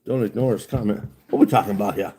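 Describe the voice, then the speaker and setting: A man's voice: on the low side, fast talker, background noise. A man, chatting bluntly and profanely with a lip full of chewing tobacco. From United States. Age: 40s. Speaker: livestreamer chatting with viewers. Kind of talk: casual chat.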